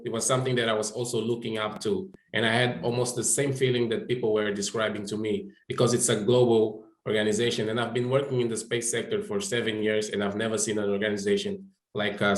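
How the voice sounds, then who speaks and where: A man from Angola answering interview questions, restarting his sentences often. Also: fairly low pitch. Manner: stammering restarts. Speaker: guest, space sector volunteer. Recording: roomy echoey audio.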